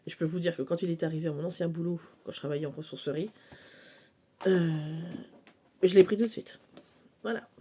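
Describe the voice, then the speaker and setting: Chatty woman, mellow voice. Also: fairly low pitch, fairly even intonation, a little fast, pauses often, husky. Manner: chatty, many fillers, laughs easily. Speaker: cartomancy vlogger. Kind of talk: casual show-and-tell of oracle decks.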